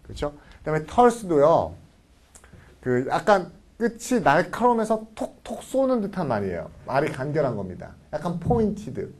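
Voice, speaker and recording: A man's voice: mid-range voice, a little mellow, slightly rough. A man teaching English vocabulary to a class, talking animatedly and checking in with students again and again.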